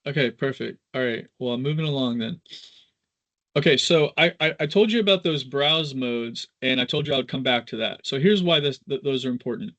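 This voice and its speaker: A man instructor giving a casual live software tutorial, informal and halting as he thinks aloud. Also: medium pitch.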